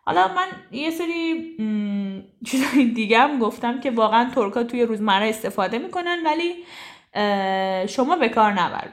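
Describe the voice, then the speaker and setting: A woman teaching a casual language lesson. She says each phrase slowly, then explains it quickly and chattily. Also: on the high side.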